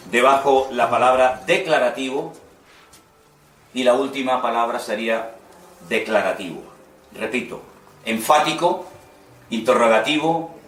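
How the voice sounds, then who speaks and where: A man's voice: medium pitch, a bit bright, a little hiss or hum. Emphatic man teaching preaching. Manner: emphatic, instructive, repeats key words. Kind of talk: homiletics class lecture. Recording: echoey room, mic at a distance.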